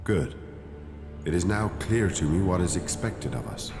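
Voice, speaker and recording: A stern cleric leader from a video game, low-voiced and formal, with a haughty edge. His words ring through a reverberant hall over clear background music. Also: unhurried. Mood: formal, measured. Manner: formal, condescending.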